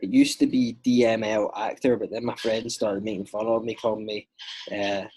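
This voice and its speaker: A young Scottish man, an actor guest, chatting casually on a podcast with lots of fillers and lively storytelling. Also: fairly low pitch, moderate pace, a little hiss or hum.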